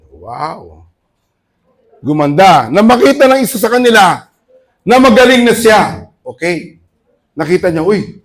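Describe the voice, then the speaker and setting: A middle-aged male pastor from the Philippines, with a high voice, delivers a conversational sermon that swings from loud praise to quiet asides.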